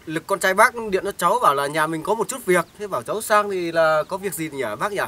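A man's voice: sits high, normal speed, bright, forceful tone. A man playing a polite village head who rambles and hedges with many fillers, in an amateur short film. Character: polite village head sorting a family's property.

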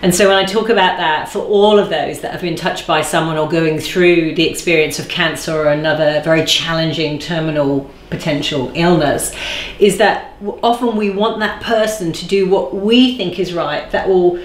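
A woman in her forties, a guest in an interview, speaking thoughtfully and slowing down to stress key phrases. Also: on the low side. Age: 40s. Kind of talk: reflective conversational interview. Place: bright living room, seated on a sofa. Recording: roomy echo.

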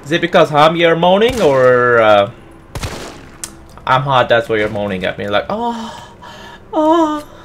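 A man's voice: medium pitch, moderate pace, long pauses, slight background noise. A man doing casual let's-play commentary, talking to himself and swearing when the game startles him. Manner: animated, swears and yelps at game scares. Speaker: gameplay streamer.

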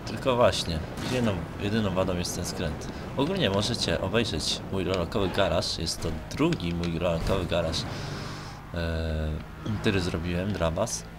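A young man with a low voice talks at a normal speed in a noisy clip. He's a gaming video creator rambling casually over gameplay, recorded on a noisy home microphone, with car engine sounds from the game in the background.

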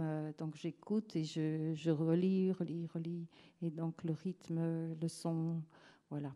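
Slow, dark-voiced woman musing onstage. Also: on the low side. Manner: hesitant, reflective, frequent fillers and restarts. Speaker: guest writer. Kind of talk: onstage literary conversation. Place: theatre stage before an audience. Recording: live event audio capture.

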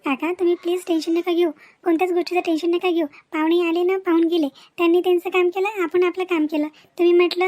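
A woman's voice: very high-pitched, darkish tone, no room sound. A woman voicing an earnest young village daughter, coaxing and pleading in a cartoon. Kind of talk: cartoon voice acting.

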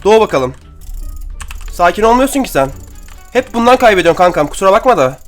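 A young man giving excitable, slangy gameplay commentary and chatting to his viewers as he plays. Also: high-pitched, quick pace, soft background music. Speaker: gaming YouTuber.

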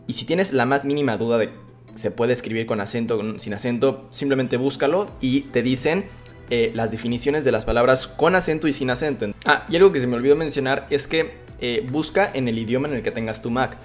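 Chatty young man explaining software. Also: medium pitch. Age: young adult. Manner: relaxed, chatty, many fillers and restarts. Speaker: tech YouTuber. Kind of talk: casual software tutorial.

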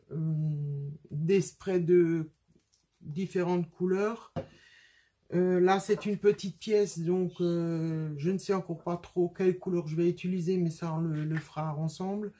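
Chatty woman with a mellow voice. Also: lowish voice. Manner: chatty, many hesitations. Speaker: craft tutorial host. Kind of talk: casual craft tutorial.

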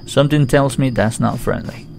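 A man's voice: medium pitch, normal speed, vocal fry, darkish tone, slight background noise. A man giving chatty, joking let's-play commentary on a horror game. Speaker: gaming YouTuber.

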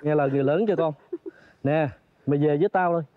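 A man's voice: on the high side, quick pace, dry recording, narrow, tinny audio, close to an everyday voice. A man playing a kindly, fussy photographer in reformed opera, coaxing and scolding a baby monkey. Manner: coaxing, scolding, exclaims often. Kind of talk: reformed opera spoken dialogue.

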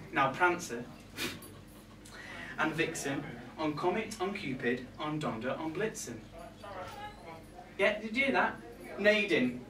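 A young man with a high-pitched voice plays a catty, resentful male reindeer grumbling about Santa's crew, delivering an indignant, gossipy comic monologue with arch asides to a live audience. He's recorded by a far camera in a small pub room, so the sound is distant and echoey with background noise.

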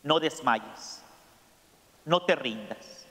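A priest preaching a sermon, slow and emphatic, putting questions to his congregation. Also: medium pitch, animated, bright, forceful tone. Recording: echoey church hall.

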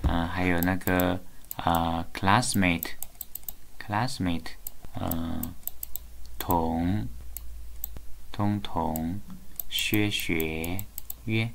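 Low, gravelly woman teaching Chinese. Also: steady tone. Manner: patient, repeats words slowly, mixes Chinese and English, laughs often. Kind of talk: live online one-on-one Chinese lesson. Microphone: video call.

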